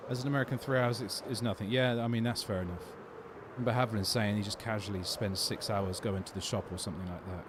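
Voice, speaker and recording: Speaking fast in a voice on the low side with fairly even intonation, a London-accented gaming streamer relaxes into casual chat and handles viewer questions on his livestream. There's background noise.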